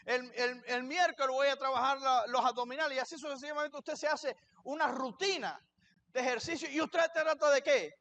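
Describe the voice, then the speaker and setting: Male pastor, very high voice, preaching a sermon in church, asks questions and answers them himself. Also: normal speed, a bit bright.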